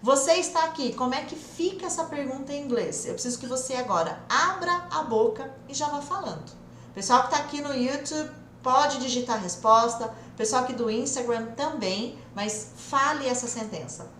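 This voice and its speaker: Lively teacher from interior São Paulo. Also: female voice, sits high, reverberant, a little hiss or hum. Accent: interior São Paulo Brazilian Portuguese. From interior of São Paulo state, Brazil. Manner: energetic, drills phrases slowly and repeatedly. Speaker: English teacher. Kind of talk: live online English lesson.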